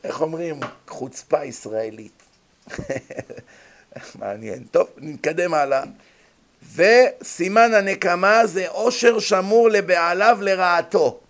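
Man, rabbi's lecture, animated delivery with acted-out scenes. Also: sits high. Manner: animated, acts out little scenes in other voices. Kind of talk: Torah lecture. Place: abroad, in America.

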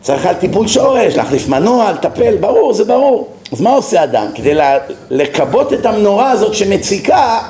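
Male rabbi lecturer, high-pitched, animated storyteller posing rhetorical questions, faint background hiss. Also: hardly any pauses, roomy sound. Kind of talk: religious lecture.

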